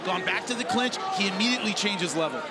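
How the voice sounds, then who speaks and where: Male live fight analyst, high colloquial voice, blunt phrasing, heavy arena noise. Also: lively intonation, quick pace. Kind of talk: live MMA commentary. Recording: loud arena crowd behind commentators.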